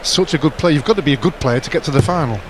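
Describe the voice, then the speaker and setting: A male darts co-commentator with a fairly high voice. He talks conversationally and explains as he goes, with clear arena noise in the background. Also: rapid-fire. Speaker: sports co-commentator. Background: noisy darts arena.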